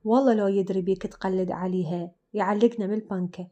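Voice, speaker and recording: A woman storyteller does a grumbling son with an Iraqi accent. He is stubborn and answers back flatly. His voice is low-key and mellow. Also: fast talker, muffled recording, close to an everyday voice. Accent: Iraqi Arabic.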